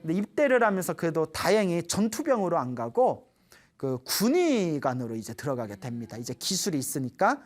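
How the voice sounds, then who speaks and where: In a low, brisk voice, the nun addresses a studio audience with a dharma talk, posing questions to them and recounting stories with lively energy.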